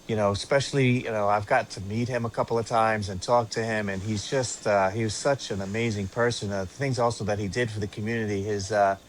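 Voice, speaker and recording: A man co-hosting a casual sports fan podcast, speaking haltingly with many fillers and repeated words. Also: on the low side, slight background noise. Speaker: podcast co-host.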